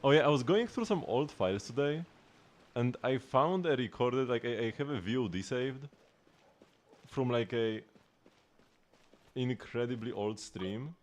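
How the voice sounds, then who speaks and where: A man in his late twenties chats casually while streaming a game, his medium-pitched voice a little slow and pausing often. He rambles, restarts a lot, and laughs frequently.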